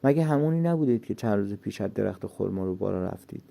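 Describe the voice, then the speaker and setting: A courteous old man from a storybook, read by a man. He speaks politely. The voice is gravelly and dark. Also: on the low side, expressive.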